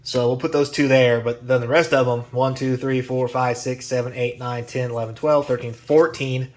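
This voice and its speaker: A man hosting a casual card-opening vlog, chatty and folksy, getting over a cold and clearing his throat now and then. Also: mid-range voice, steady tone, normal speed. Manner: chatty, folksy, airline-captain catchphrases. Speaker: YouTube card channel host.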